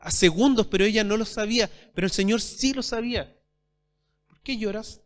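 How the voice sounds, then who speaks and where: A man preaching a sermon as pastor at a church service, asking his congregation rhetorical questions and swinging between loud and soft. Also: high-pitched, fast talker. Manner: addresses congregation as brothers.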